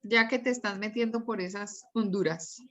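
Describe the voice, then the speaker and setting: A woman's voice: mid-range voice, moderate pace, a bit bright, highs cut off. A woman teacher giving a patient, step-by-step class lecture and repeating examples to her students. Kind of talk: slow, explanatory class lecture.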